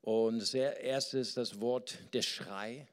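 An older man from the Rhineland with a Rhineland German accent, preaching a sermon and swinging between hushed and loud emphatic passages. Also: mid-range voice, steady tone, slow, clear, resonant tone. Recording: long hall reverb.

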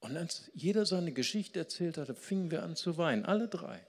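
A man preaching a sermon as pastor, lively and storytelling, slowing down to stress key words. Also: fairly high pitch, long reverb tail.

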